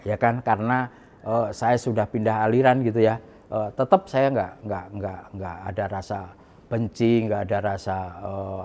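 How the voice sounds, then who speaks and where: A middle-aged man telling a personal story in a casual, chatty way, repeating himself and laughing softly now and then. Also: mid-range voice. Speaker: guest sharing his testimony.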